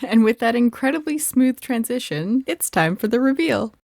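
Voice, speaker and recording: A woman's voice: on the high side, animated, normal speed, vocal fry, darkish tone, no echo, clean studio sound. A woman narrating a craft video in a casual scripted voice-over, playful and self-deprecating with mock-grand asides. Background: background music.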